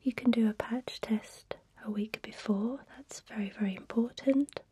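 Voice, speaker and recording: A woman speaking in a soft, breathy whisper, giving a calm ASMR tutorial as a spa technician. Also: a little high, a little slow.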